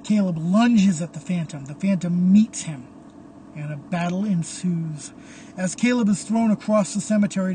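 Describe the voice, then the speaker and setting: A storyteller narrating a violent horror scene in a slow, deliberate, hushed reading. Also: medium pitch, slight background noise.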